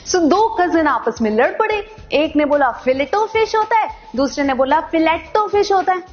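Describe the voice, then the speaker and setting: A woman's voice: extremely high pitch, expressive, normal speed, dull audio, soft background music. An Indian woman teaching pronunciation in a playful, chatty way, spelling words out letter by letter. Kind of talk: casual teaching lesson.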